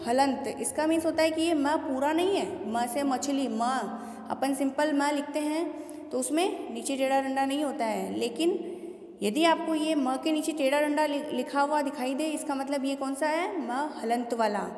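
A woman teacher with a high voice walks students through pronunciation, saying each word slowly and repeating it. She stops often to ask whether they follow. The sound rings around a hollow room with a long tail of reverb. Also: a little mellow. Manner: patient, repeats words slowly and asks students questions. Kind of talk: classroom lesson explaining Sanskrit pronunciation.

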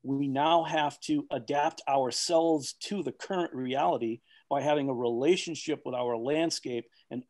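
A man's voice: mid-range voice, a little mellow. A man speaking on an online expert panel over a video call, rambling with many fillers and restarts.

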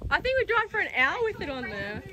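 High, lively Australian woman laughing excitedly. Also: quick pace, heavy background noise. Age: 20s. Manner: excited, laughs between exclamations. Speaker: passenger filming on a phone. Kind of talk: casual chat. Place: in a car, then outdoors on a street. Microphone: phone held by the filmer.

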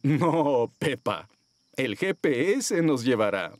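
A man's voice: medium pitch, big pitch swings, slow pace, slight background noise. A man voicing a jovial, self-assured father pig in a children's cartoon.

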